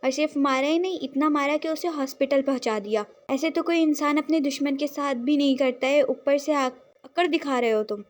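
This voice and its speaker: A woman's voice: high-pitched, normal speed, hardly any pauses, close to an everyday voice. A woman voicing a fiery, blunt young woman who scolds and demands answers, in a storybook role reading. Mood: scolding.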